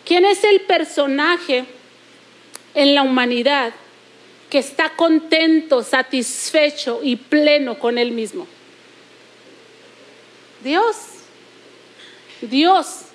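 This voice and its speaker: A woman with a Mexican accent preaching a sermon, repeating phrases and slowing down to stress her points. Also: high voice.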